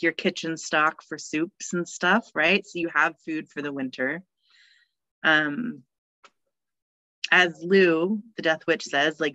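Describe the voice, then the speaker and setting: A woman's voice: deep voice, sharp tone, no room sound, muffled recording. A woman, a death midwife talking in a casual podcast conversation, cheerful and full of fillers. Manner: chatty, cheerful, laughs often, many fillers.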